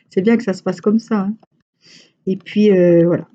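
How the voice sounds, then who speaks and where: A woman with a Franche-Comté French accent chats to her viewers and rambles from one detail to the next. Her voice is very dark and mellow, with a husky grain. The recording sounds dull and lo-fi. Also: mid-range voice, steady tone, takes it slowly. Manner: chatty, rambling storytelling. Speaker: crochet vlogger. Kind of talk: casual chat to viewers.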